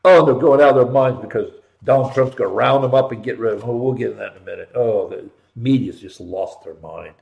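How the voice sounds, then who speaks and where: An American man hosting a talk show, delivering an impassioned political rant with emphatic, punchy repetition and swings between loud and hushed. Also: mid-range voice, fast, creaky, lo-fi sound. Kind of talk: impassioned political monologue, ranting. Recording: roomy, echoing sound.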